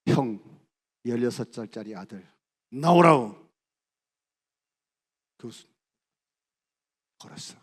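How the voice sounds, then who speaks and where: A middle-aged man preaching at a youth camp service, telling the story dramatically and acting out the characters' lines, swinging from shouts to hushed near-whispers. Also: medium pitch, moderate pace, pauses often. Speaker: pastor. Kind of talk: sermon.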